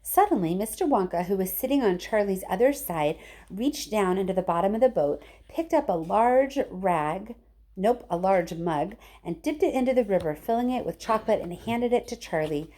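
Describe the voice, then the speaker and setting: A woman reading a children's book aloud in an expressive storytelling style. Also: mid-range voice, moderate pace. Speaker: storybook reader, teacher.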